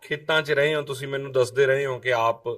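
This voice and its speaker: A man's voice: medium pitch, steady tone, a little fast, a bit bright, far from the mic. A man reporting from a flood-damaged house, earnestly describing the damage and asking questions. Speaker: reporter and interviewer. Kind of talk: field reporting.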